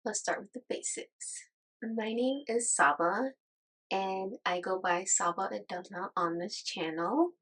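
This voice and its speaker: A Las Vegas YouTuber in her thirties chats casually about herself in a get-to-know-me vlog, in a mid-range, fairly bright voice that's a little slow. The recording is low quality, and she laughs often, amused by her own remarks.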